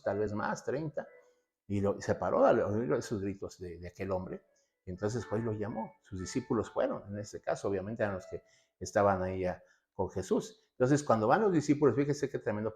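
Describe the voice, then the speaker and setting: A man's voice: lowish voice, darkish tone. A man preaching a sermon, asking rhetorical questions and repeating phrases for emphasis. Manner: asks himself rhetorical questions and answers them.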